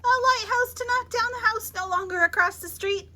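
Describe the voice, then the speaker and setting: In an extremely high voice, a woman reads picture books for children as a storyteller, making the most of dramatic pauses and emphasis in a theatrical, expressive style.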